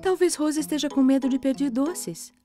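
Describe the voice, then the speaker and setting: A woman voicing a gentle, caring young mother in a cartoon. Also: high-pitched, normal speed, soft background music, close to an everyday voice. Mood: reassuring.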